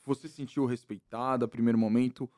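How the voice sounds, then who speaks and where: A man's voice: medium pitch, flat delivery, fairly quick, darkish tone. A man with a Brazilian Portuguese accent hosting an interview, asking long, rambling, leading questions. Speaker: interviewer, host. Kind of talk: conversational interview.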